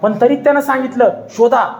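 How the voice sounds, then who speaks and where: High-voiced dramatic male storyteller. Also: moderate pace, darkish tone. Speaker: public speaker. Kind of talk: storytelling history lecture. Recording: echoey hall.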